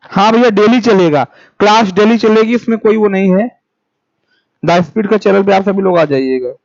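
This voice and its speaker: A man teaching an online exam class, speaking slowly and repeating key phrases for students to write down, and pausing to answer viewers' comments. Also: high-pitched, a little mellow. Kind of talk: live-streamed exam class. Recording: dull lo-fi sound.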